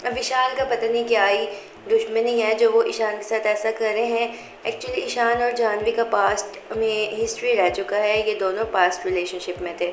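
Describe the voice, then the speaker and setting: A woman's voice: on the high side, reverberant, a little hiss or hum, low-quality recording. A woman hosting a celebrity gossip channel, giving a scripted, chatty narration and mixing English words into her talk. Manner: chatty, reads viewer comments aloud, mixes English into Hindi.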